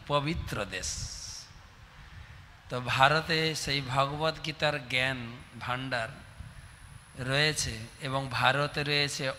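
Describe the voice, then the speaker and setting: A man with a Bengali accent preaching a sermon, animated and often asking the audience questions. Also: medium pitch. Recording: long hall reverb, faint background hum.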